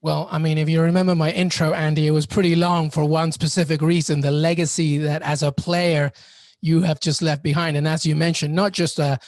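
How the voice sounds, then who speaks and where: A man with a fairly high, creaky voice hosts a podcast interview. He speaks effusively and often restarts his phrases. The sound is very dry, with no room echo. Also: little pitch movement, a little mellow. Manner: effusive, halting with repeated starts. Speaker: podcast host. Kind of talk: conversational interviewing.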